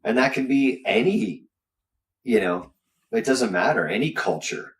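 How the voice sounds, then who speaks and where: A man chatting casually as he recounts things, halting and rambling, often trailing off mid-sentence. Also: mid-range voice, animated, distant mic. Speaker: guest, business owner recounting an incident.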